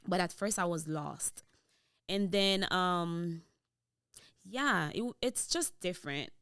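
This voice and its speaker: A young Haitian woman with a Haitian Creole accent appears as a podcast guest, telling her story in relaxed, casual interview chat and switching into Creole mid-sentence. She speaks slowly and smoothly into a boom-mounted studio mic, with no room sound.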